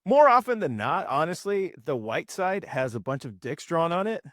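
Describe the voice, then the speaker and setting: A man's voice: fairly high pitch, normal speed, dry recording, clean studio sound. A young man, a former military mechanic, telling stories in casual podcast chat, swearing freely. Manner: profane, animated storytelling.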